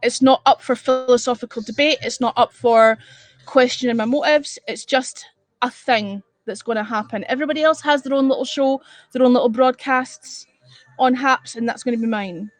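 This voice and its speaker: A woman from Edinburgh, Scotland, with a Scottish accent hosts a casual live stream, chatting bluntly and with exasperation to viewers while swearing freely. Her voice is fairly high-pitched at a normal speed, in a dry recording.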